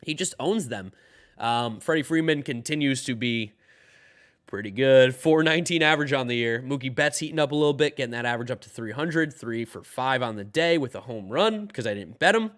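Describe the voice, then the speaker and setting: A man's voice: mid-range voice, animated, brisk, a bit bright. A man hosting a daily live sports stream, talking loosely and answering chat questions while sounding tired. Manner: loose and rambling, reads chat questions aloud. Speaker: host of a daily baseball stream.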